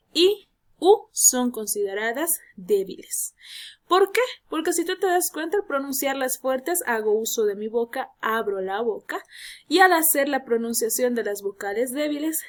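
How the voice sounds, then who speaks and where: Speaking in a higher register, a female teacher records a grammar lesson. Her explanations are patient, she goes over the main points more than once, and she engages students through rhetorical questions.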